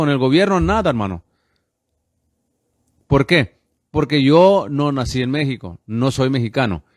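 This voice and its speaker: With a fairly high pitch, an American man in his fifties preaches on the radio, urging his listeners fervently and repeatedly addressing them as brothers. The recording is dry and studio-clean.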